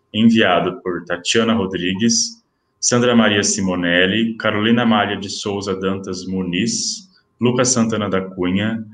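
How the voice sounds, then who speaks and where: A man presenting at an online academic event, reading out award certificates in a formal, steady listing manner. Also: fairly low pitch, reverberant. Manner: steady listing of titles and names.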